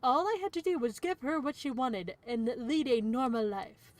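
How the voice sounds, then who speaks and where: A woman's voice: high voice, lively intonation, moderate pace. A woman streamer reading visual novel narration aloud, breaking off now and then for playful asides.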